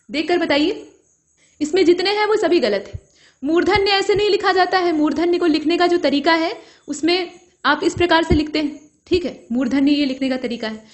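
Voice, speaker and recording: A woman teaching Hindi grammar for an exam, working through each answer step by step and checking in with her students as she goes. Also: high-pitched. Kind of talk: explanatory lesson.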